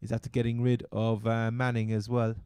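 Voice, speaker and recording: In his casual fantasy football chat, the Irish host with a Cork accent rambles and repeats words, his medium-pitched voice level, mellow, clear and resonant at a fairly quick pace. The studio recording is clean with no echo.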